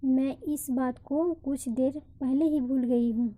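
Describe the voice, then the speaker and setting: A woman voicing a gentle, forgiving young woman. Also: high-pitched, takes it slowly, poor audio.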